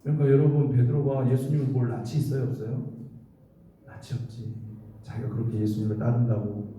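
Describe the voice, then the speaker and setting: A man preaching a lively, interactive sermon to a youth group, quizzing the listeners and acting out the voices in the story. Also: mid-range voice, fairly quick. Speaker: youth pastor. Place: church hall. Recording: distant mic in echoey hall.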